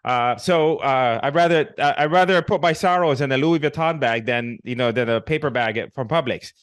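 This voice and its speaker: A man's voice: mid-range voice, normal speed, smooth, no room sound, studio quality. A middle-aged man from Puerto Rico with a Puerto Rican accent, telling his story as a guest in a casual interview, joking and dropping in many fillers and restarts. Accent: Puerto Rican Spanish. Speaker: guest, real estate investor.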